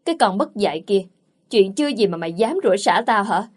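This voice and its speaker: A woman reading the part of a young wife who is quick to anger and sharp-tongued. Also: medium pitch, animated, slightly rough. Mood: furious.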